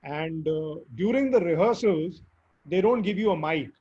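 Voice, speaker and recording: A man with a hoarse, squeaky voice from recent illness, answering interview questions earnestly and emphatically. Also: lively intonation, normal speed, darkish tone. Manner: earnest, emphatic advice with fillers. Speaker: guest speaker. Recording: dull lo-fi audio.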